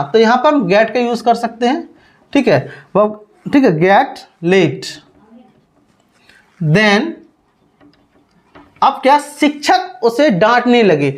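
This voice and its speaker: A man teaching English grammar as a step-by-step lesson, explaining slowly, spelling words out letter by letter and often checking in with "okay". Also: very high voice.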